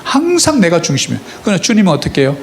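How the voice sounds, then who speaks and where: A pastor's sermon from a man whose voice sits somewhat high. He questions his listeners and slips into acted prayers. Faint background noise runs under the recording. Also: huge pitch swings, rapid-fire. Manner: asks the congregation questions, acts out prayers. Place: church sanctuary.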